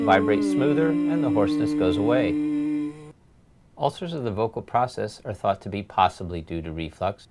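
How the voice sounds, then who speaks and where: A man giving scripted medical narration as a lecturing doctor, explanatory and measured, stressing key points. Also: fairly low pitch. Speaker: laryngologist lecturer.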